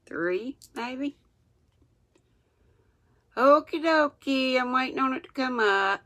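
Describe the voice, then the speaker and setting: A woman's voice: sits high, takes it slowly, a bit bright. An older woman with a Southern US accent talks and reads aloud without her teeth in, her articulation slightly mushy, in a folksy, self-deprecating way. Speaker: host reading books aloud to viewers. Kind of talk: casual livestream chat and read-aloud.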